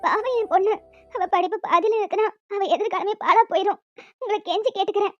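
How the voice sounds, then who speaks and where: This cartoon voice performance features a desperate, impoverished mother working as a school cleaner, first pleading, then scolding in a shrill tone. The actress speaks quickly in a very high voice, with no echo, faint background music, and dull, dry lo-fi sound.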